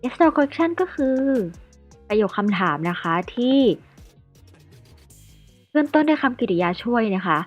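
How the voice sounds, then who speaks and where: A woman's voice: a little high, big pitch swings, slow, long pauses, muffled recording, faint music behind. A woman teacher giving an online English lesson to children. She explains patiently, step by step, and ends her phrases with polite particles.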